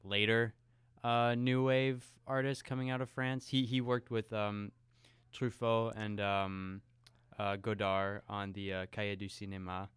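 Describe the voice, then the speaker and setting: A man co-hosting a film podcast, talking in a relaxed, conversational way. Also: on the low side, a little slow, clear, resonant tone, no room sound, clean studio sound. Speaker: podcast co-host. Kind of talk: casual film podcast chat.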